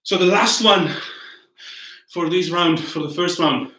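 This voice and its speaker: A fitness coach with a high, pushed, bright voice leads a live home workout a little slowly, cheerfully counting down and cueing each move. He's upbeat and encouraging but breathes hard between moves. He's in a warm room indoors at home, captured by a laptop camera across the room, so a distant mic gives the sound a roomy echo.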